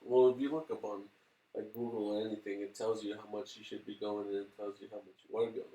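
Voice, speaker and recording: A young man co-hosting a podcast, chiming in with quick jokes in casual chat. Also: lowish voice, flat delivery, warm tone. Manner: jokey, quick quips and frequent laughs. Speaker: podcast co-host. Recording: roomy, distant from the mic.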